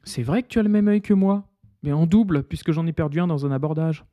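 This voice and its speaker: A man voicing a boastful, gruff one-eyed pirate captain who barks orders in a storybook reading. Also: fairly high pitch, fast talker, no room sound, dull audio, natural voice. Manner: loud barked commands.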